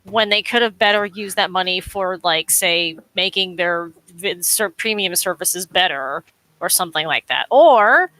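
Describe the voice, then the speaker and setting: Blunt woman with a bright voice. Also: fairly low pitch, animated, a little slow, no room sound, poor audio. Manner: blunt, swears freely. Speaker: stream participant. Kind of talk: casual group chat. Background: music.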